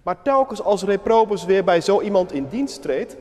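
A man telling a saint's legend in a measured, storytelling sermon inside a church. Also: sits high, expressive, darkish tone. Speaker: preacher. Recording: long church reverb.

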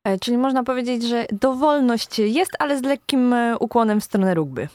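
A woman's voice: fairly high pitch, normal speed, darkish tone, no room sound, clean studio sound. Young woman host hesitating with fillers. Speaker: radio host. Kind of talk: radio interview.

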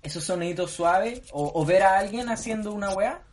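A man's voice: sits high, normal speed, darkish tone. A young Chilean man with a slightly raised voice, joking his way through a loose podcast conversation. He talks over others and laughs often, with faint hiss behind him. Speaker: podcast host. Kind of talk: casual podcast chat.

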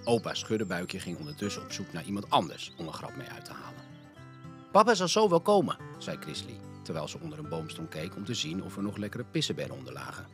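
A man narrating a children's storybook in an expressive manner. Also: sits low, fast, hardly any pauses, faint music behind. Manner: animated, expressive.

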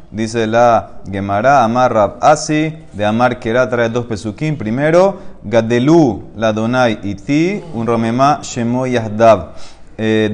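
A man teaching a Talmud class, explaining step by step and mixing in Hebrew and Aramaic phrases. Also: medium pitch.

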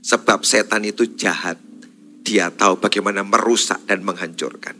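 A man preaching a church sermon in Indonesian with a Javanese accent, pressing warnings again and again and swinging between loud emphasis and hushed asides. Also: fairly low pitch, steady tone, normal speed, slight background noise. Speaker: pastor. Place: church service.

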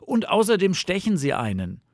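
A man's voice: high voice, wildly swooping pitch, normal speed, dry recording, studio quality, voice pushed up. A man voicing a fretful, complaining male fox in a storybook reading, in a raised, plaintive voice. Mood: gloomy.

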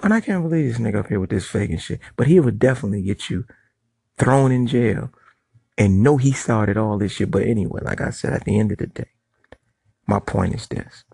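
Gravelly, low-voiced man ranting bluntly. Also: lively intonation, fairly quick, warm tone, no echo. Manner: blunt, profane street talk with many "right?" tags. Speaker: vlogger. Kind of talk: casual monologue.

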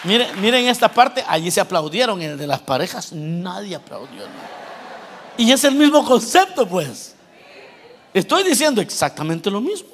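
A male pastor preaching a sermon, swinging between loud exhortation and quiet, joking asides to the congregation. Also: sits high, very animated, moderate pace, some chatter behind, a little hiss or hum.

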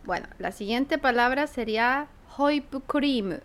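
A woman co-hosting a casual podcast, speaking in a measured way with soft agreeing murmurs. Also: high voice. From Chile. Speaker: podcast co-host. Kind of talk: casual chat.

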